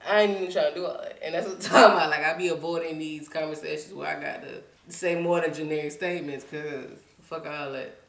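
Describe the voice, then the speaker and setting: A man's voice: on the high side, steady tone, fast, hardly any pauses, a bit bright. Casting: laid-back, blunt man for a podcast co-host, echoey room. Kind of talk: casual chat.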